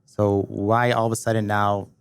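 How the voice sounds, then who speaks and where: A man's voice: on the low side, level tone, moderate pace, clean tone, no echo. A man hosting a casual political discussion, asking curious, probing questions. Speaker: host.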